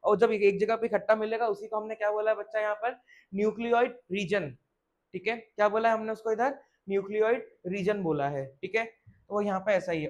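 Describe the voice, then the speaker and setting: High-voiced male biology teacher. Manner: explains step by step, asks and answers questions aloud, frequent "theek hai". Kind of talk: classroom lecture.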